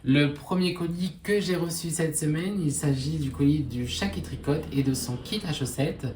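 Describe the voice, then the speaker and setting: A woman presenting in a casual knitting vlog, conversational and unhurried, pausing often and correcting herself. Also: low-pitched, darkish tone. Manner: conversational, unhurried, with frequent pauses and self-corrections. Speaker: knitting vlogger. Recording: roomy echo with faint background noise.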